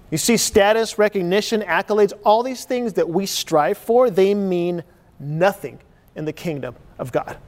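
High-pitched pastor in his 40s, earnest and searching, lots of rhetorical questions, big reverberant hall. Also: a little mellow. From Chile. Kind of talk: sermon.

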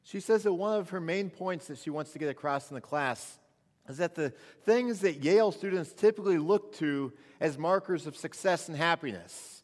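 A man's voice: fairly high pitch, moderate pace. A male pastor preaching a sermon at a pulpit microphone in a church, speaking conversationally with frequent restarts. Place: church sanctuary. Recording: long reverb of a church hall.

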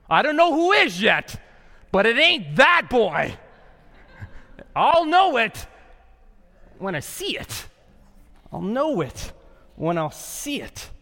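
Animated male preacher in a reverberant hall. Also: on the high side. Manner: animated, acts out quoted voices, repeats phrases. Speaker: pastor. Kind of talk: sermon.

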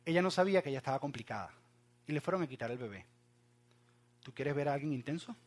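A young man preaching a sermon, swinging from loud acted cries to hushed asides and talking straight to his listeners. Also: mid-range voice, expressive, fast. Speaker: pastor.

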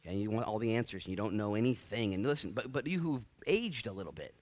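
A man's voice: fairly low pitch, lively intonation, quick pace, a little mellow. A middle-aged male pastor preaching a sermon in a conversational, joking yet earnest way. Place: church.

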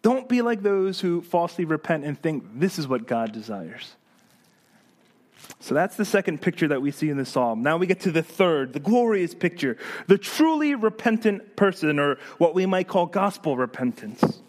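A male pastor preaching a sermon in an animated, emphatic way, acting out the voices of the people he quotes. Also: on the high side, moderate pace.

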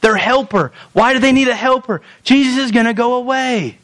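A man's voice: very high voice, normal speed, a bit bright. A man preaching a sermon as pastor in a church, telling the story with animation and acting out the scenes.

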